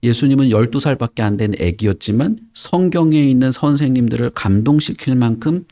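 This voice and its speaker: A man who is a pastor gives a children's sermon and tells the story in a lively way, putting questions to the children. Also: mid-range voice.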